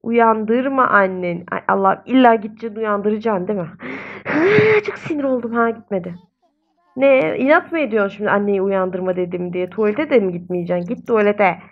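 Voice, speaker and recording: With a mid-range voice and a fairly quick pace, a young gaming video host gives casual commentary on her own play. She chats, gets exasperated, and coos at the in-game babies, all in a muffled recording.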